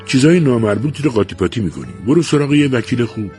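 A man's voice: fairly low pitch, expressive, mellow, faint music behind, pitched above the performer's own voice. A man reading a novel aloud, voicing an elderly doctor who curtly and impatiently scolds his grown son. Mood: angry scolding. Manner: curt, commanding, exasperated.

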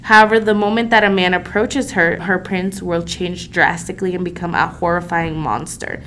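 Speaking a little fast, this young woman from El Salvador has a fairly low, slightly bright voice with fairly even intonation. As a podcast co-host she recounts folk legends casually, sprinkling in lots of "um" and "you know," over faint background noise.

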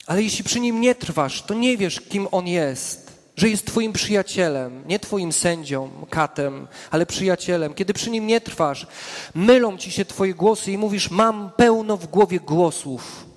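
Male preacher, high-pitched, earnest sermon delivery with slow emphatic pauses, long hall reverb. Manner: earnest, slows down and drops low for emphasis. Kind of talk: sermon with prayer.

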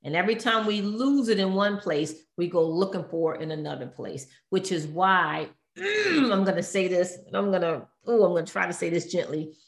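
A woman's voice: fairly low pitch, lively intonation, normal speed. A woman speaking as a therapist in an earnest, conversational way, often searching for words and correcting herself mid-sentence. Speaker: therapist guest. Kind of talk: conversational expert talk. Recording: roomy echo.

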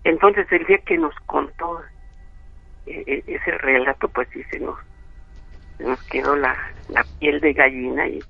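A man's voice: fairly high pitch, steady tone, a little slow, gravelly, breathy edge. A Mexican man telling a spooky story over the phone, rambling with many fillers. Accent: Mexican Spanish. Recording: tinny phone line.

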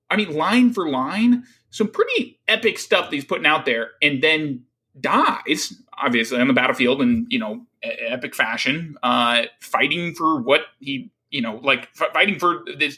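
Male co-host, rambling talker, lively pitch and a bright voice. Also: breathy edge. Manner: rambling, many fillers and restarts. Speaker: podcast co-host. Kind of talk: casual chat about a play.

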